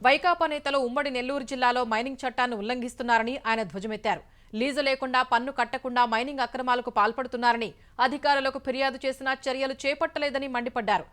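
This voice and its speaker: A woman news anchor reading the bulletin in a brisk, formal newsreader manner. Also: high-pitched, steady tone, a bit bright.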